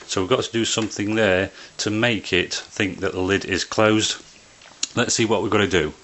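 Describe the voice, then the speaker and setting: A man presents a casual how-to video next to a printer inside, describing the hands-on steps in a straightforward way. He has a lowish voice with a steady, slightly bright tone and a moderate pace.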